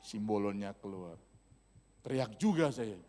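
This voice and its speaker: Lively male pastor in a reverberant hall. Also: lowish voice, unhurried, a little hiss or hum. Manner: animated, humorous storytelling in casual slang. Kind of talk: sermon. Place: church hall. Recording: long church-hall reverb.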